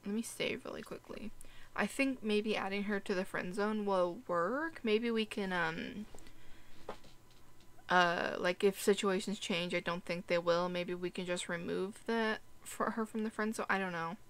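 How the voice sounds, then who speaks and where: A woman's voice: medium pitch, measured pace, a little hiss or hum. A young woman casually commenting on her life-sim gameplay at home, rambling and talking to her game characters. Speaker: gaming YouTuber. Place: home room. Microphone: desk mic with headphones.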